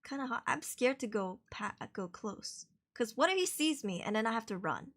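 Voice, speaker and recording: A woman's voice: on the high side, animated, normal speed. A young woman streaming a horror game, chatty and jumpy, sniffly with a cold. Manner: chatty, jumpy, swearing and laughing. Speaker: VTuber streamer.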